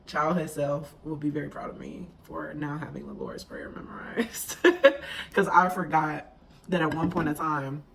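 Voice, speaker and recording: A woman's voice: sits low, lively intonation, moderate pace, gravelly, fairly bright tone, a little hiss or hum. Chatty emotional woman in her twenties. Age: 20s. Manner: chatty and emotional, filler-heavy, dropping to near whispers. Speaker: vlogger. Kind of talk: casual vlog chat to camera.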